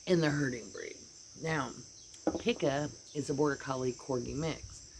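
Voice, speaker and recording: Outdoors on a porch, with birds and insects audible around her, a woman speaks in a bass voice at a slightly slow pace. She's an American vlogger rambling casually about her dogs, lively and speaking their thoughts for them.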